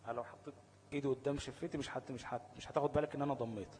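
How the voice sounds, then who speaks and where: A man's voice: mid-range voice, fairly even intonation, rapid-fire, darkish tone, a little hiss or hum. A man with an Egyptian Arabic accent teaching Quran recitation rules, often posing fill-in questions and checking that listeners follow. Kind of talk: explanatory lesson.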